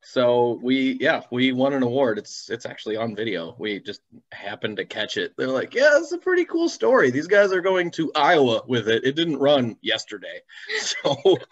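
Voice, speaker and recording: Joining a video call as a guest, a car-loving YouTuber spins casual, wandering anecdotes laced with self-deprecating jokes. He talks at normal speed in a medium pitch with big swings up and down, and the recording is slightly dull.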